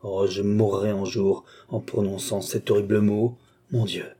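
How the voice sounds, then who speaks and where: A man's voice: lowish voice, level tone, measured pace, mellow, breathy edge. A man voicing a desperate young woman who pleads and cries out in anguish, in an audiobook reading. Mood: bitter. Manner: anguished, pleading, rising to outcries. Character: desperate young woman cursing her fate.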